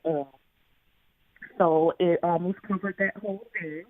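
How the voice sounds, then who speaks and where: A woman's voice: fairly low pitch, steady tone, measured pace, no room sound. Woman on a tinny phone line. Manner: hesitant, many fillers. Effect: heard over the phone. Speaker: interview guest. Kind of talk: personal story told in an interview.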